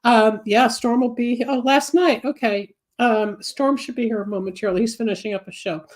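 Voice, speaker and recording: At a normal speed and a slightly high pitch, a woman in her seventies talks at length on her live psychic advice show, reading viewer comments in a solo monologue. She rambles chattily between topics and dispenses advice while recovering from a cold, congested and coughing.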